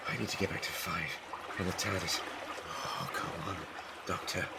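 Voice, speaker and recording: A man playing an eccentric, quick-thinking time-travelling doctor in a fan audio drama, musing theatrically. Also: low voice, steady tone, gravelly, very noisy. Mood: wry, anxious. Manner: theatrical, musing aloud to himself.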